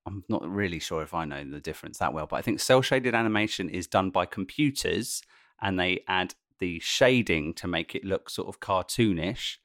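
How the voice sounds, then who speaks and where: A man's voice: deep voice, animated, moderate pace, a bit bright, no room sound, studio quality. A man hosting a casual podcast chat, jokey and punning, laughing often between lines. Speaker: podcast host.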